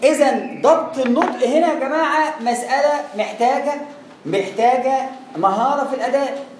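A man with an Egyptian Arabic accent explains tajweed rules, patiently asking questions and answering them himself while drawing out sounds to demonstrate. His voice is very high and a little fast, recorded in an echoey room on a distant mic with faint noise.

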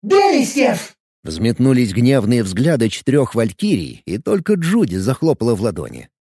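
A man reading a first-person audiobook in a playful, expressive way. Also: mid-range voice, normal speed, slightly rough, dry recording, studio quality. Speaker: audiobook narrator.

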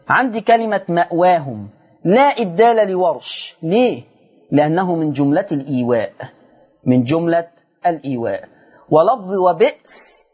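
A man with an Egyptian accent teaching Quran recitation on a broadcast lesson, explaining rules briskly and stretching out example words slowly. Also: a little high, darkish tone, breathy edge, muffled recording. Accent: Egyptian Arabic.

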